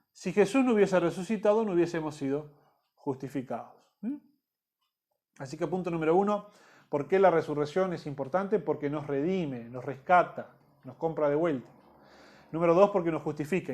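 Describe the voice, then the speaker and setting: A man teaching a church discipleship Bible class in Rioplatense Spanish, repeating key points and checking in with the listeners. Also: on the high side.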